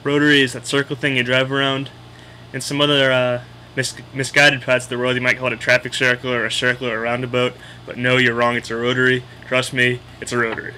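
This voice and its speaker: A man's voice: medium pitch, monotone, quick pace, bright, forceful tone, a little hiss or hum, poor audio. A man with a Boston accent casually explaining local slang in a blunt, opinionated, sweary way. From Boston area, United States.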